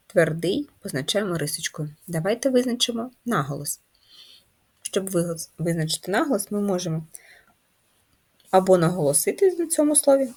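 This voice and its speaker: A woman teacher leading a first-grade writing lesson, explaining each step slowly and clearly. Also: on the low side, darkish tone. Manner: slow, clear, instructive dictation. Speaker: primary school teacher.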